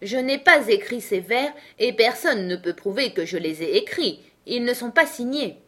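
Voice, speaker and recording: A cornered knave of the court, insistent and pleading, his voice pitched up and pushed, as a woman acts him. He stays firm throughout. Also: lively intonation, normal speed, a bit bright. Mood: protesting. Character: protesting male knave servant.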